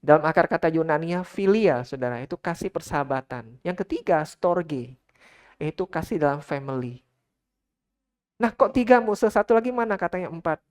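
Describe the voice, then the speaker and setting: Low-voiced woman preaching a sermon. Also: expressive, normal speed, a little mellow. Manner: engages the congregation with frequent questions, addressing listeners as "Saudara". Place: church.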